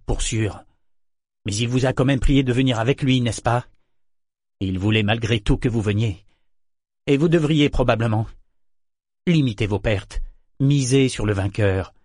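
A man's voice: medium pitch, no echo, clean studio sound, lightly acted. A man voicing a blunt, mocking sailor. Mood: needling. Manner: mocking, needling, forceful. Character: blunt, sardonic male sailor, bitter and provoking. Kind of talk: audiobook character voice.

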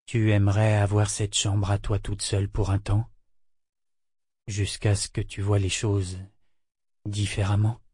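Give me a man playing a grave, gruff man holding himself back, with a dark mellow voice. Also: lowish voice, monotone, unhurried, pauses often, no echo, studio quality.

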